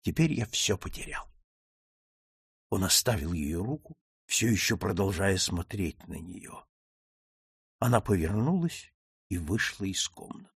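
Husky male audiobook narrator, lively delivery. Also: deep voice, a little slow, no room sound, studio quality. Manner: acts out each character's lines with raised, emphatic delivery. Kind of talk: dramatic audiobook reading.

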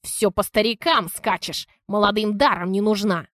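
A woman's voice: mid-range voice, normal speed, a bit bright, dry recording, clean studio sound, lightly acted. A woman reading an audiobook, voicing an enraged older wife who screams insults. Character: furious older woman, shrill, hot-tempered.

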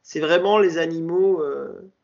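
A man with a high, gravelly voice talks casually on a podcast, stopping and restarting often. The sound is muffled and lo-fi. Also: a little slow, darkish tone. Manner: hesitant, many fillers and restarts. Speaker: podcast co-host. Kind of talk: casual chat.

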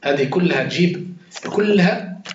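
A man's voice: high-pitched, moderate pace, a little hiss or hum. A man with an Algerian Arabic accent giving an informal Quran commentary lesson, chatting with his listeners, swearing oaths and checking that they follow. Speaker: Quran teacher. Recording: roomy, dull lo-fi recording.

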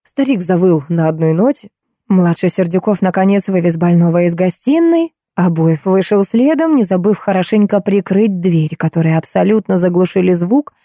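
A woman reads a novel aloud in a steady, even way. Her voice is low, very dark and mellow, and the recording is dry and close. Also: moderate pace, no echo. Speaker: audiobook narrator. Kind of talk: scripted narration.

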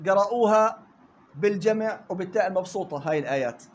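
A man with a Levantine Arabic accent leads a Quran recitation lesson in a fairly high voice, moving briskly from point to point. He keeps pausing to fire questions at his students and explains each rule in plain colloquial speech. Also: expressive, a little hiss or hum. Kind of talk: classroom lesson.

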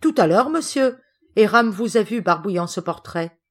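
A woman reading the lines of an anxious, earnest father in an audiobook, pleading and quick to indignation. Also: medium pitch, animated, husky. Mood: indignant. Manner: pleading, earnest, easily upset. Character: gentle anxious aristocratic father, middle-aged man.

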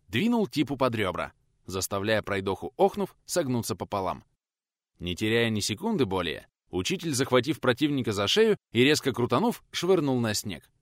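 A man narrating an audiobook in an expressive storytelling manner. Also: medium pitch, no room sound, studio quality.

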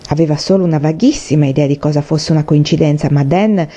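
Woman reading an audiobook, mellow tone. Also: low voice, fast. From Italy. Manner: steady, clear storytelling reading. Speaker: audiobook reader. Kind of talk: scripted narration. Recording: dull lo-fi recording.

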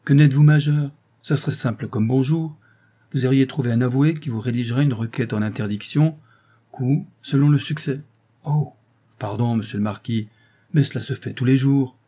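A man voicing a sly, scheming older lawyer who flatters and insinuates in an audiobook. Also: medium pitch, moderate pace, close to an everyday voice. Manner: wheedling and insinuating.

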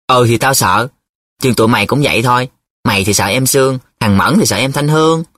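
A man's voice: mid-range voice, a little fast, fairly bright tone, no room sound, lightly acted. A man voicing a teasing, dramatic young male student who talks in a playful, showy way, in an audiobook. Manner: playful, showy, sing-song when reciting.

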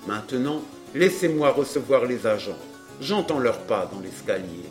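A man's voice: medium pitch, lively intonation, moderate pace, darkish tone, natural voice. A man reading the part of a breezy, wry rogue of a friend, offhand and dry, with faint music behind.

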